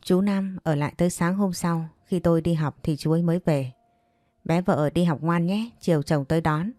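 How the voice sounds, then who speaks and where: Woman, storyteller, low voice, dark tone, confiding, first-person narration. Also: normal speed, dry recording, clean studio sound.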